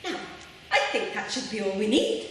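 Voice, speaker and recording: A woman's voice: medium pitch, very animated, moderate pace, close to an everyday voice. Kindly pantomime fairy godmother, played by a woman, sing-song. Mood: reassuring, brisk. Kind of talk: theatrical stage pantomime, partly rhyming. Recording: distant mic in echoey hall, faint noise.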